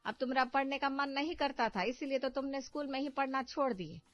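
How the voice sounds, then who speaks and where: Woman doing a sharp-tongued village wife. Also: sits high, no echo, pitched above the performer's own voice. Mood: taunting. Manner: quick retorts, folksy rural speech. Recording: muffled, faint background music.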